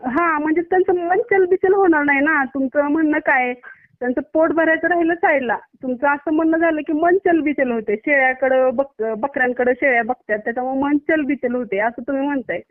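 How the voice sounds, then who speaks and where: A doctor with a Maharashtrian Marathi accent talks bluntly on a casual phone call, her high-pitched voice moving fairly quickly. The recording is dry, coming through a tinny narrowband line.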